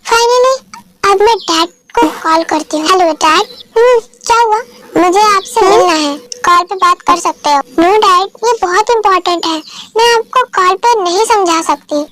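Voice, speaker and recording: A woman's voice: extremely high pitch, measured pace, a bit bright. A woman voicing a flustered, stubborn young woman in love, talking in a pleading, self-questioning way in an amateur dubbed romance drama.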